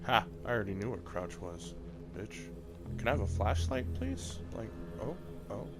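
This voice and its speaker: A man's voice: fairly low pitch, moderate pace. A man giving casual, reactive gameplay commentary, informally talking to himself and to the game as he plays. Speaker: gamer. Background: game music.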